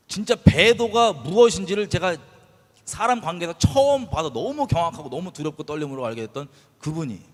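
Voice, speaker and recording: A man preaching a sermon as pastor. He talks with passion, drops to soft low asides, then breaks out loudly. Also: big-room sound. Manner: impassioned, shifting between soft low asides and loud bursts.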